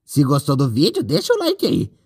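A boastful, playful male ink demon, voiced by a fan performer commentates his own game. The voice is gravelly with a husky edge, and the pitch leaps up and down constantly. He keeps exclaiming and bragging. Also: huge pitch swings, moderate pace, dry recording, studio quality, exaggerated voice. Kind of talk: in-character gaming commentary.

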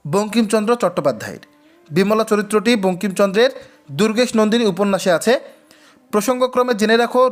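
A man teaching an exam-prep quiz lesson, reading each question twice before giving and explaining the answer. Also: high voice. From West Bengal.

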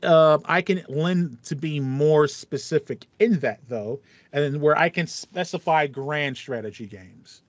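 Speaking at a measured pace with few pauses, this man in his thirties has a fairly high voice. As a podcast co-host he rambles enthusiastically and casually about video game music. He's using a headset on a video call from a small foam-paneled home room, and the audio is dry, slightly muffled, with no echo.

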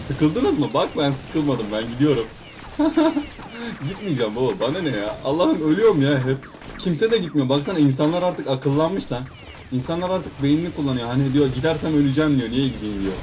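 A young man giving loud, swearing, teasing commentary over his own gameplay, talking to viewers and mocking other players. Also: on the high side. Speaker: gaming YouTuber. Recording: background noise.

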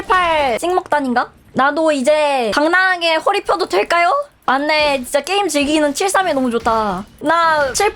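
A woman's voice: high-pitched, fairly bright tone. A young woman streaming a game, chatting playfully and teasing her viewers and teammates. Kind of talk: live game streaming chat.

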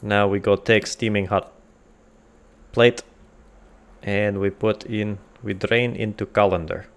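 Speaking slowly with a fairly low pitch and fairly even intonation, a gamer narrates his cooking game casually. He uses a comic, put-on Russian accent, omits articles, and keeps joking and rambling to himself as he cooks.

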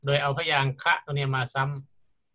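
A man's voice: mid-range voice, completely flat delivery, moderate pace, pushed and bright. A middle-aged man lecturing on grammar in a patient, explanatory way, often checking in with his students. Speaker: university lecturer.

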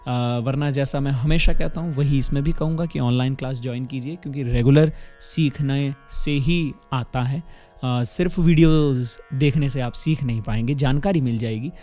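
A man's voice: mid-range voice, moderate pace, warm tone. A man teaching music, explaining patiently at a close mic and often checking with his students, with sung demonstrations over a harmonium. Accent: Hindustani. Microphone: close studio microphone. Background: harmonium playing.

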